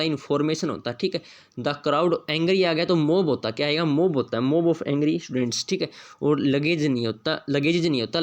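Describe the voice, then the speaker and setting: Man drilling grammar answers. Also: on the high side. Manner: drills points with repeated question-and-answer; reads example sentences slowly. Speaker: English grammar teacher. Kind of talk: exam-prep lesson.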